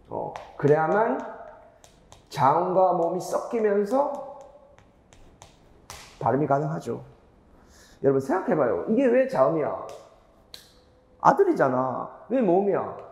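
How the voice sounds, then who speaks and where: 에코가 울리는 강의실의 남자 강사. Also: male voice, on the high side, gravelly, mellow, echoey room, long reverb tail. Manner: rhetorical questions to students, emphatic repetition. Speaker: Korean grammar teacher. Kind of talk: lecture.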